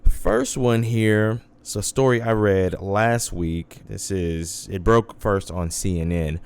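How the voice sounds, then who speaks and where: A man's voice: on the low side, steady tone, slow pace, clear, resonant tone. A man hosting a casual internet radio show, chatty and laid-back, often calling his listeners "guys" and mixing in dry sarcasm.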